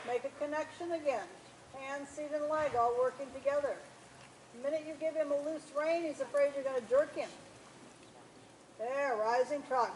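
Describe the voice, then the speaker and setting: A woman riding instructor giving brisk, projected commands in a lesson, mixed with short encouraging praise. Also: sits high. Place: riding arena. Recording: noisy riding arena, horse sounds behind.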